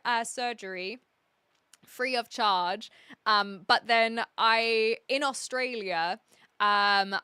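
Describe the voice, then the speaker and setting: Bright-voiced woman, Kiwi-British accent. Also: medium pitch, clear, resonant tone, no room sound. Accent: New Zealand mixed with British. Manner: chatty, cheeky, reacts to chat messages. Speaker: live streamer. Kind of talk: casual livestream chat with viewers.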